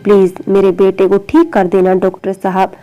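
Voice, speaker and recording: A woman voicing a loving mother who comforts and gently scolds her grown son. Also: medium pitch, level tone, moderate pace, dull audio, faint music behind, close to an everyday voice. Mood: pleading.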